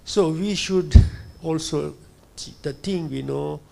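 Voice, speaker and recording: An older man from Tanzania, an audience member asking a question, speaking hesitantly and often pausing to search for words. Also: fairly high pitch, creaky, warm tone. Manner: hesitant, fills pauses with "you know".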